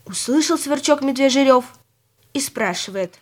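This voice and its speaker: High-voiced woman telling a fairy tale. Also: normal speed. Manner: gentle, expressive storytelling. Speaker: storyteller. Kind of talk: storybook narration for children.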